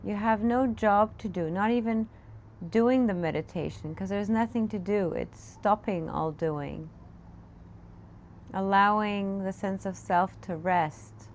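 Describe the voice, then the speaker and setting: Children can be heard in the background as a meditation teacher, her voice medium in pitch, leads a guided session with soft, unscripted instructions and pauses. The recording has clear background noise and room ambience.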